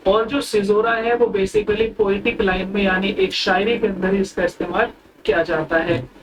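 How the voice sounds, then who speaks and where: A teacher giving an explanatory lecture on poetry terms, who often checks in with the class and slows down to read English lines aloud. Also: medium pitch. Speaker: literature teacher. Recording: distant mic with background noise.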